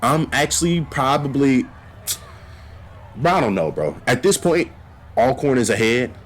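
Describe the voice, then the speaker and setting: A man giving casual, animated reaction commentary on a marching band battle, talking slangy and straight to his viewers. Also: mid-range voice, a little slow, a little hiss or hum.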